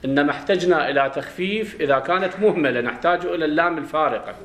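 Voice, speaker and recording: A man with an Iraqi Arabic accent teaching a grammar class, explaining step by step, questioning his students and slowly chanting verses. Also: fairly high pitch, fairly bright tone. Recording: roomy classroom echo.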